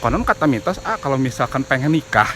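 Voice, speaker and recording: A man's voice: mid-range voice, sing-song, quick pace. A man giving casual commentary as host of an outdoor night exploration vlog. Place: outdoors on a steep forest trail at night. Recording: very noisy outdoor night recording. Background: loud crickets and night insects.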